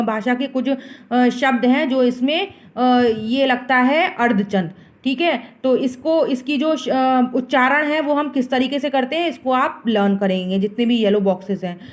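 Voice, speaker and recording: High-voiced woman teaching a class. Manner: asks the class questions and answers them herself, repeats each word; mixes English words into her Hindi. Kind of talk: explaining a grammar lesson to children.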